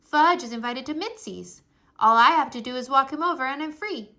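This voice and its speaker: A woman's voice: sits high, lively intonation, a little fast, pushed and bright, pitched above the performer's own voice, heavily acted. A woman voicing a teasing, bossy schoolgirl babysitter in a storybook read-aloud, with a sing-song, mocking way of talking.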